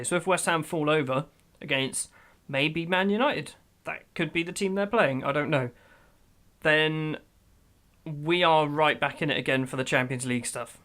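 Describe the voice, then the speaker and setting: A man giving let's-play commentary over a football management game, excitable, swinging from grumbling to loud outbursts. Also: a little high. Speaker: gaming YouTuber.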